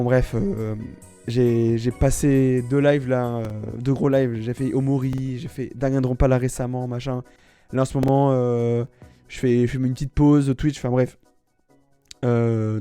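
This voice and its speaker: A man's voice: medium pitch, warm tone, clear, resonant tone. A man streaming a casual live reaction, rambling and slangy, often restarting his sentences.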